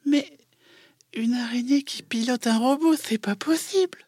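A woman's voice: a little high, unhurried, a little mellow, husky, dry recording, clean studio sound. A woman playing a boastful evil mad scientist spider who pilots a robot, in a theatrical children's audio story. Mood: gloating, taunting.

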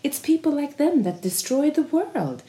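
A woman's voice: high voice, big pitch swings, mellow, slight background noise, pitched above the performer's own voice. A woman voicing a rude man who scolds strangers and speaks sweetly to his dogs, in a mocking sing-song. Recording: roomy echo.

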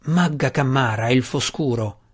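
A man voicing a gruff, stubborn male deep gnome in an audiobook, exclaiming his lines. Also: unhurried.

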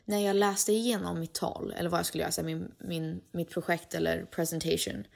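A woman's voice: on the low side, flat delivery, vocal fry. A woman co-hosting a podcast in casual chat, who mixes English phrases into her talk and gives friendly advice. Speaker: podcast co-host.

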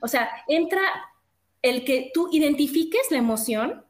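Brief: high-pitched woman co-host, forties, animated casual talk, roomy echo. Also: measured pace. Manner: animated, talks through everyday examples. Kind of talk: casual chat.

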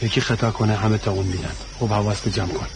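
A man's voice: lowish voice, fairly even intonation, gravelly, a little hiss or hum. An actor playing a stern, proud clansman who mocks and lectures his cousin, stammering in scorn. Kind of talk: TV drama acting.

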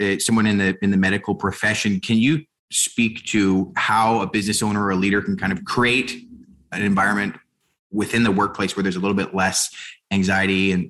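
A man with a lowish voice hosts an interview and talks quickly. His questions ramble, with many fillers and restarts along the way. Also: a bit bright. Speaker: interviewer host.

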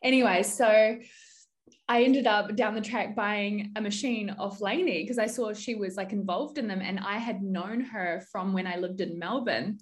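A woman's voice: mid-range voice, moderate pace. Chatty woman podcast co-host. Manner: chatty, meandering storytelling. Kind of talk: casual chat.

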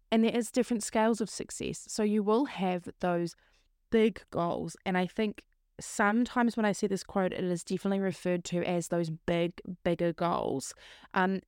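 A woman hosting a solo motivational podcast, talking in an earnest, encouraging way with a slightly croaky voice. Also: fairly low pitch, a little mellow, no room sound, clean studio sound. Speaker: podcast host.

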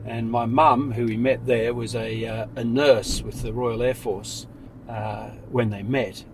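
A middle-aged man, born in Sri Lanka and raised in New Zealand, talks through his family story in a casual interview in a car. He speaks in a measured, reflective way, and his sentences often trail off softly. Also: mid-range voice, little pitch movement, poor audio. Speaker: interview guest. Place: inside a car. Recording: faint road noise.

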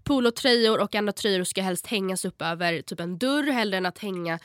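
A young woman in a casual chat as a podcast co-host, earnest and talking in quick bursts. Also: mid-range voice, a bit bright, no room sound, clean studio sound.

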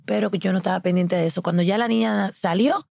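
Gravelly woman telling a story. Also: medium pitch, fast talker, no room sound, studio quality. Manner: lively, acts out what others said. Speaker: guest. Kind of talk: casual storytelling.

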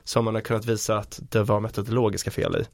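A man co-hosting a podcast in casual chat, telling jokes and stories with animated voice impressions. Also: creaky, no room sound, studio quality. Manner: animated storyteller, mimics voices with big pitch jumps; fillers and restarts, joking. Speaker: podcast co-host.

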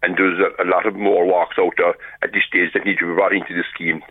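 A man's voice: sits low, flat delivery, fast, husky, no echo. A man from Kerry with a west of Ireland accent, giving a radio interview in a hesitant, stop-start way. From County Kerry, Ireland. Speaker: farmers' association representative, radio guest. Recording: tinny narrow phone line.

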